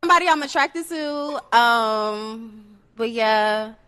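20-something woman on a dating show, kinda high voice, lots of um and like. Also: slow pace, sharp tone, smooth. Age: 20s. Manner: hesitant, hedging with fillers. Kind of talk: casual chat.

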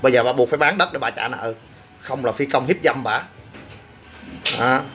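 A man's voice: mid-range voice, normal speed, a bit bright, slight background noise. A man with a Southern Vietnamese accent, a gym owner chatting casually on a livestream and answering comments with boastful, crude banter.

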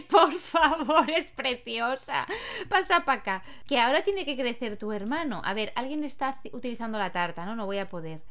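A young woman hosting a gaming video gives casual Let's Play commentary on a life-simulation game, chatting loosely and scolding and cooing at the characters like a doting mother. Her voice is a little high, a bit bright, and smooth.

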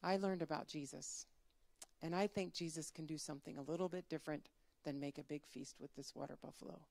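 A woman's voice: mid-range voice, expressive, unhurried, dry recording, natural voice. A woman voicing a humble village man who prays to Jesus in a children's story, in an earnest, simple storytelling way. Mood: prayerful.

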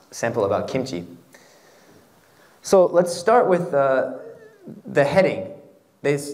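Male workshop lecturer, thirties, medium pitch, instructional delivery with halting phrasing, on a handheld mic in a lecture hall. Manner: halting, instructional, checks with "okay" and "right". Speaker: lecturer on academic writing. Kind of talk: workshop lecture, explaining slides. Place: lecture hall in front of a seated audience. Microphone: handheld microphone.

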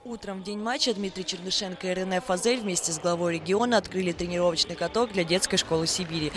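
A man's voice: high-pitched, quick pace, a bit bright. A man reading scripted sports news narration as a reporter.

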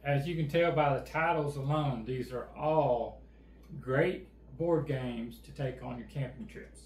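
A middle-aged man with a mid-range voice speaks at a measured pace, co-hosting a casual channel chat in an easygoing, plainspoken way. He sits in an indoor room with a game table and backdrop, and the echoey recording carries faint background noise.

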